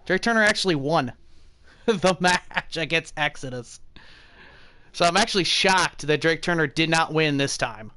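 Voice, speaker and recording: A man streaming a wrestling game, talking excitedly and often clearing his throat. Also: a little high, measured pace, dry recording. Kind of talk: casual game-stream commentary.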